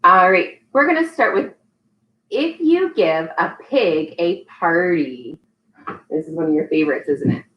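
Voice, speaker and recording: She's an early childhood teacher running a live storytime, her talk warm, encouraging and aimed at young kids, going sing-song when she guides activities. Her voice sits on the low side, expressive and a little slow. High frequencies are cut off in the recording.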